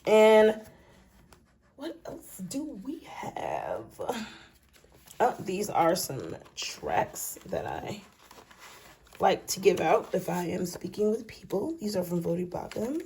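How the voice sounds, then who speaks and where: Mellow and medium-pitched, a woman speaks at a moderate pace over a little hiss or hum. She's a planner vlogger at home late at night, sleepily yawning while chatting folksily through her planner and calling her audience "y'all" and "child."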